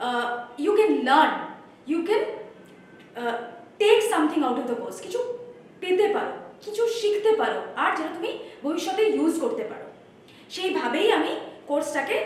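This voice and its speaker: A Bengali-accented woman teacher lays out her spoken English course step by step, switching between Bengali and English. Her voice sits high and lands from a distance in a very echoey room. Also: slight background noise. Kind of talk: course introduction lesson. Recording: roomy echo, voice from far off.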